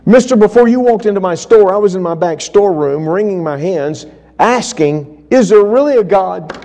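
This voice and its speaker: A preacher acting out a desperate middle-aged shop manager who pleads in a high, strained voice. The tone stays mellow and warm underneath, and the words come urgent and loud. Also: male voice, animated, moderate pace. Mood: desperate pleading.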